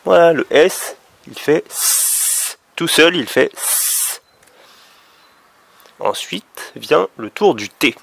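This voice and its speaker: Male phonics teacher, unhurried, gravelly voice, patient and clear with small kids. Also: fairly high pitch, expressive, noisy background. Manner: patient, drawing out each letter sound. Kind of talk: phonics lesson for young children.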